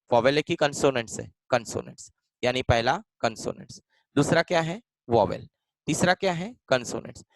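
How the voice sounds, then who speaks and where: A male teacher runs an exam-focused grammar lesson, his pitch rising and falling a lot as he drills each point over and over. He keeps asking questions and answering them himself, and slips English phrases into his explanations. The sound is dry and close, with no room echo.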